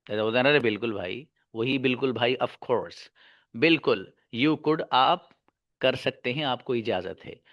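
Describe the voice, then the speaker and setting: A man's voice: mid-range voice, a bit bright, highs cut off. A male teacher giving a slide-based grammar lesson, explaining each phrase twice in two languages, then asking the class questions and answering them himself. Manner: addresses listeners informally as "bhai sahab" and "babu". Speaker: English teacher.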